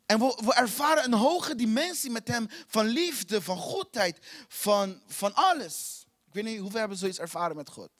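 A man preaching a sermon with passion, repeating phrases and swinging from soft to loud. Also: high-pitched, lively intonation, moderate pace. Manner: impassioned, repetitive, swings between soft and loud.

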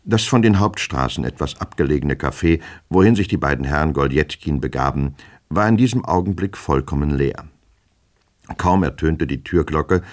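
Audiobook narrator: man, very deep voice, measured, expressive. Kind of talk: audiobook reading.

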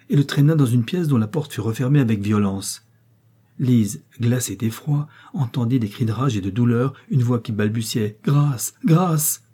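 Male audiobook narrator, measured literary reading, dark and husky timbre. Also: mid-range voice. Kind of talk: scripted narration of a novel.

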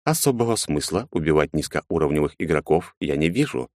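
A man voicing a tall insect-helmed alien man who is calm and polite, with a pleasant, slightly mechanical voice. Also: a bass voice, fairly quick, no echo, studio quality. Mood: amused. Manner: calm, polite, quietly threatening.

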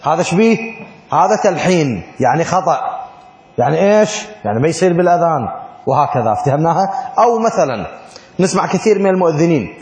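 A man's voice: fairly high pitch, big pitch swings, fast talker, darkish tone, reverberant, in a large hall. A man teaching a lesson on Islamic law. He keeps checking that his students follow, and he chants short phrases as examples. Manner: asks students frequent check questions. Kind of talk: classroom lesson.

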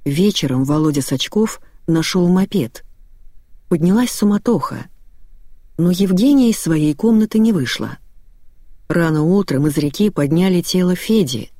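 A narrator reading a dark dramatic story in a steady storytelling voice. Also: mid-range voice, unhurried, no room sound, studio quality. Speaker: audiobook narrator.

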